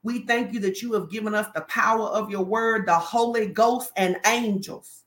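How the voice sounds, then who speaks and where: A woman's voice: medium pitch, steady tone, moderate pace, fairly bright tone. A woman preaching a fervent sermon, declaring and commanding her congregation in a call-and-response cadence. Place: church hall. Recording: echoey room.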